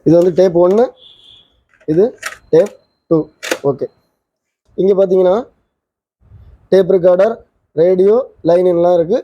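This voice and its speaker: This high-sitting male voice has a dark tone and fairly even intonation, with a little hiss or hum in the background. He hosts his channel and gives a quick, casual demo of a vintage twin-cassette recorder, pointing out parts along the way, all captured in dry, dull lo-fi audio.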